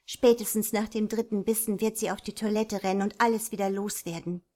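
A woman reading an audiobook, voicing a heartbroken young woman who talks in a quick, indignant rush. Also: mid-range voice, steady tone, mellow, lightly acted. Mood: agitated.

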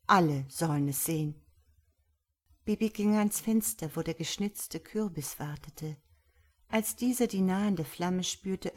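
Woman audiobook narrator, slightly low voice, measured storytelling. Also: mellow.

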